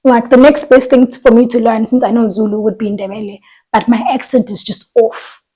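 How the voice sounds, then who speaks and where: Casual podcast co-host: woman, husky higher voice, thinks out loud. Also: little pitch movement, brisk, low-quality recording. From southern Africa, living in South Africa. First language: a southern African language. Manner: thoughtful, trails off and restarts mid-thought. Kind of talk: casual chat.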